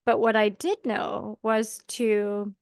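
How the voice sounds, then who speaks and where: A woman's voice: mid-range voice, level tone, slow pace, vocal fry, clear, resonant tone, dry recording, clean studio sound. A Canadian woman in her forties co-hosting a podcast in casual, chatty talk, laughing often. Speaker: podcast co-host.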